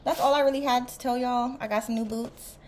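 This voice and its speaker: A young woman with a lilt talks through an unboxing in a bubbly, chatty way, calling her viewers y'all. Her voice sits a little high. A faint hiss runs under the recording. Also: fairly even intonation, fairly quick, darkish tone. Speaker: vlogger. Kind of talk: casual unboxing vlog.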